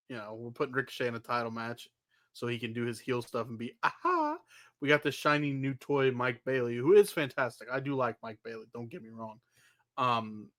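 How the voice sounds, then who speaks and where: A man's voice: mid-range voice, fairly bright tone, dry recording. Offhand man in dry-sounding podcast chat. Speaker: wrestling podcast co-host. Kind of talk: casual wrestling news chat.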